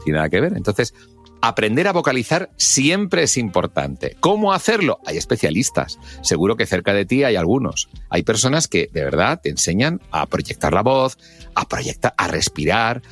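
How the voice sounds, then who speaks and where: A man's voice: on the low side, normal speed, faint music behind. A middle-aged man from with a radio broadcaster's voice, explaining speaking skills in an interview and acting out the lines he quotes. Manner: expressive, acts out shouts and quoted lines. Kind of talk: podcast interview, animated explaining.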